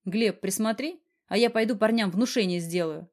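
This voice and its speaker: A woman's voice: medium pitch, normal speed, natural voice. A woman reading an audiobook and voicing a worried, hot-tempered young man who scolds sharply. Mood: scolding.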